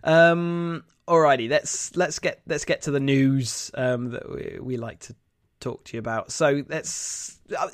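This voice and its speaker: A male podcast host talks through the news in a casual way. His voice is nasal and congested from a head cold, at a middling pitch. The sound is very dry, with no room around it. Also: fairly even intonation, unhurried, no room sound. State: bunged up with a cold.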